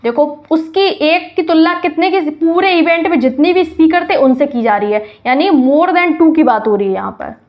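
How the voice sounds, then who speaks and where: A woman's voice: sits high, expressive, normal speed, lo-fi sound. A woman teaching English grammar, explaining exercise answers step by step, often asking a question and then answering it herself.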